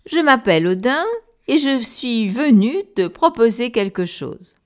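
A woman's voice: a little high, lively intonation, measured pace. A woman voicing a poor, determined young male viking in a storybook, speaking earnestly.

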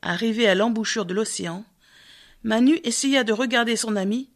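A woman reading a fairy tale aloud as a storyteller, measured and expressive. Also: on the high side. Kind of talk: scripted narration of a fairy tale.

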